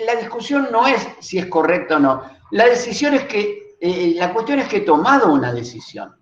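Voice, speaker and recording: Unhurried man teaching, lively pitch. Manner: reflective, asks rhetorical questions. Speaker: workshop teacher. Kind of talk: lecture on reading aloud. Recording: roomy, dull lo-fi recording.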